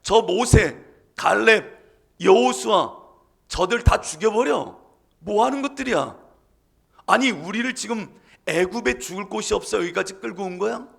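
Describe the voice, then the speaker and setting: A man voicing an angry crowd of ancient Israelite men who shout and mock their leaders. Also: sits high, unhurried, gravelly, slightly rough, voice pushed up, exaggerated voice. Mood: furious. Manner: accusing, shouting, mocking.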